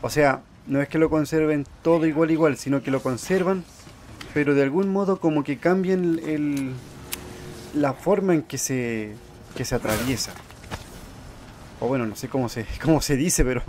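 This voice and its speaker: A fairly high-voiced man talking through his own game session in a loose, chatty way. He gets excitable fast and breaks into panicked yelling when things go wrong, and he talks straight to the character on screen. A faint hiss of noise sits under his voice. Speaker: gameplay commentator. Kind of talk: casual let's-play commentary.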